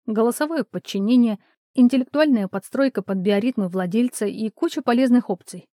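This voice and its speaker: A woman narrating an audiobook in a calm, even storytelling manner. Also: medium pitch, dry recording, clean studio sound.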